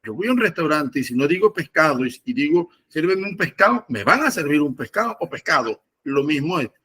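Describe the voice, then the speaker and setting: A man's voice: a little high, big pitch swings, fairly quick, fairly bright tone, a little hiss or hum. A male teacher explaining his point casually, using everyday examples and stumbling a little. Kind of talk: casual discussion.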